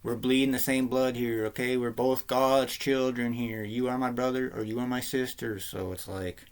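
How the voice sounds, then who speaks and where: Guy, mid-pitch, loose heated ranting vlog delivery, lots of dude and man. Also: steady tone, moderate pace, clean tone. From Canada. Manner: rambling, heated, slangy, keeps saying "man" and "dude". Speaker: vlogger. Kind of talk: casual rant to camera.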